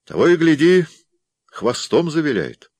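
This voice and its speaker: A man reading an audiobook, voicing a gruff, weathered sled traveler named Bill with a blunt, rough-spoken manner. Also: fairly high pitch, sing-song, a little slow, darkish tone, dry recording, voice pushed up. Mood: wry.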